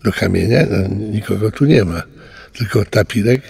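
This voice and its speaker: A man's voice: on the low side, normal speed, gravelly, a little mellow, a little hiss or hum. A man voicing a curious young male ocelot cub in a storybook, eager and a bit clumsy. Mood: puzzled. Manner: eager, stammering when embarrassed.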